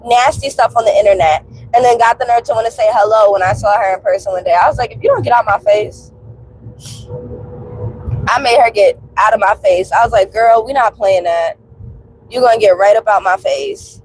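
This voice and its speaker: In her twenties, this vlog host chats casually and candidly with her viewers about personal matters, speaking emphatically and colloquially in a mid-range voice that's a little fast and stuffy from a cold. The recording is rough, with slight background noise.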